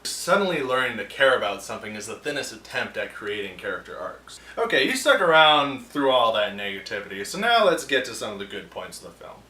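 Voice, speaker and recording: A man's voice: mid-range voice, very animated, a little fast, few pauses, bright, forceful tone. Sarcastic man ranting in a roomy echo. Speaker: film review show host. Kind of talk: casual opinionated film review. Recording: roomy echo, distant mic, faint ambience.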